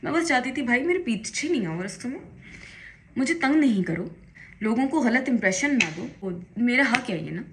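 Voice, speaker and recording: A young woman from Pakistan chats into her phone camera as she does her makeup at home. Her voice is bright, and her talk is emphatic, sometimes pushing into indignant bursts. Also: on the high side, expressive, moderate pace, a little hiss or hum. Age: young adult. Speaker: vlogger. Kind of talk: casual get-ready-with-me vlog chat.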